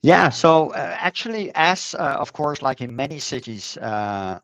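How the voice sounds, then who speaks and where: A middle-aged man born in the Netherlands, chatting as an interview guest, with a halting way of talking full of fillers and repeated words. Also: mid-range voice, very animated, a bit bright, dry recording, poor audio. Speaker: conference co-organizer, guest. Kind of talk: casual conversational interview.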